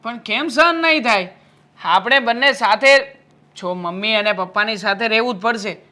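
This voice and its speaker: A calm, placating husband. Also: male voice, high-pitched, moderate pace. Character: patient husband caught between wife and mother.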